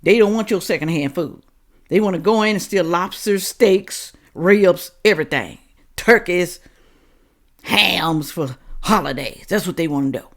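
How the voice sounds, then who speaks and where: An American woman hosts a reaction commentary show, speaking straight to viewers in a lowish, unhurried voice. Her commentary is opinionated and confrontational, blunt and full of rhetorical questions.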